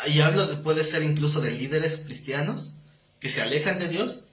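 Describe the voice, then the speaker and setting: A man's voice: a little high, normal speed, a bit bright. A man teaching a live Bible class, talking conversationally, quizzing his students and joking with them. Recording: echoey room, faint noise.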